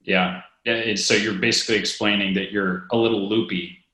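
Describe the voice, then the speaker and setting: A man's voice: on the low side, level tone, brisk, pushed and bright. A man hosting a podcast in casual, teasing chat, heard through an earbud mic in an empty room that echoes. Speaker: podcast host. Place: empty room in a new home. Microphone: wireless earbuds mic.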